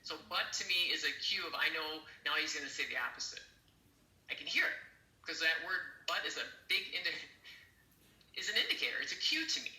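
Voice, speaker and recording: A man teaching an interpreting class online, animated and emphatic, acting out examples as he explains. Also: on the high side, fairly quick, pauses often, reverberant, poor audio. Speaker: interpreting instructor.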